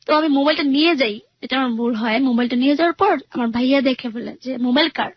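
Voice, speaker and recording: Fast-talking high-voiced woman. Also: muffled recording. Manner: earnest, rambling retelling with many fillers. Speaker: guest telling her life story. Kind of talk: personal storytelling interview.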